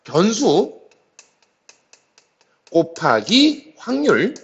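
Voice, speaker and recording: A man's voice: sits high, wildly swooping pitch, extremely slow. A man teaching a math lesson, repeating key terms and starting many phrases with a filler word to pace his explanation. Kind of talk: classroom math lecture. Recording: slightly dull lo-fi sound.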